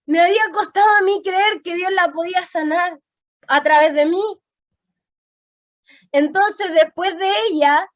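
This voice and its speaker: A woman's voice: very high-pitched, muffled recording. A woman preaching a sermon, telling an emotional testimony.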